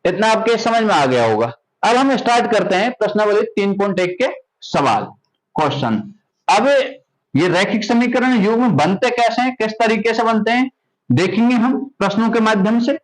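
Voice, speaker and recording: High-voiced man teaching a maths lesson. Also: expressive, normal speed, poor audio. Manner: repeats "ठीक है" often, asks rhetorical questions. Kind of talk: classroom lesson explanation.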